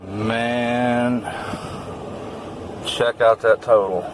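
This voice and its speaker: A man with a Southern US accent chatting casually in a vlog, rambling and joking crudely and getting excitable. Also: medium pitch, extremely slow, background noise. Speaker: car vlogger.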